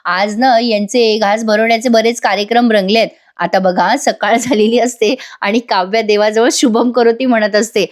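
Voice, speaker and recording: Chatty female recap narrator, slightly high voice, talks to viewers. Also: steady tone, normal speed, hardly any pauses. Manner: chatty, addresses viewers directly. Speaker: TV serial reviewer. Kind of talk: voice-over episode recap.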